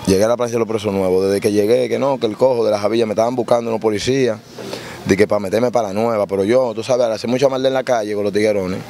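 Fast-talking man telling street stories. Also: on the low side. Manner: animated storyteller, acts out voices in his tales. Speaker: interviewee recounting street and prison life. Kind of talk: casual storytelling interview.

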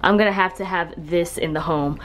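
Her voice is lowish and fairly quick, with a just-woke-up rasp. The speaker is a young vlogger carrying a handheld camera around a hotel room, chatting in casual slang to her viewers and her partner.

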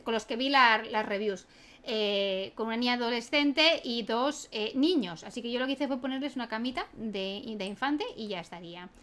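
Chatty lady doing a let's play, high bright voice, laughs a lot. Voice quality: chatty, laughs often, keeps asking ¿vale?. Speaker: gaming video creator.

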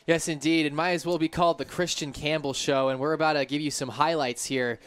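Casting: young male co-host, slightly higher voice, smooth and close, dry sound. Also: fairly even intonation, a little fast, fairly bright tone. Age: young adult. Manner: enthusiastic highlight calling. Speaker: postgame show co-host. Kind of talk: sports highlights commentary. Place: stadium broadcast booth. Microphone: headset mic.

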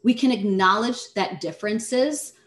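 Female workshop presenter on a video call, mid-pitched, clear teaching delivery, echoey room. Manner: measured, explanatory, addresses the audience directly. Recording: roomy echo.

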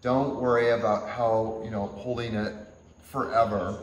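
A man with a fairly low voice leads a workshop-style yoga lecture. He explains things gently and unhurriedly, often chuckling as he goes. The room around him is echoey, with a faint hum in the background. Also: level tone, distant mic, muffled recording. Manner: gentle, unhurried teaching talk with frequent chuckles. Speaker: yoga teacher. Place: teaching hall at a yoga retreat center.

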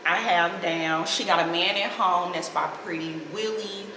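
Female vlogger, St. Louis accent, lowish voice, playful slangy chat, echoey living room. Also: steady tone, measured pace. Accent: St. Louis American. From St. Louis, Missouri, USA. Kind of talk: casual chat to camera. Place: small indoor living room, seated on sofa. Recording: echoey, reverberant room with clear noise.

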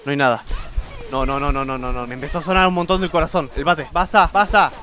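A man's voice: a little high, fairly even intonation, fast talker, sharp tone. A young man with a Rioplatense Spanish accent commenting nervously on a horror game, yelping at the scares. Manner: jumpy, nervous, yelps at scares. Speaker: gameplay streamer.

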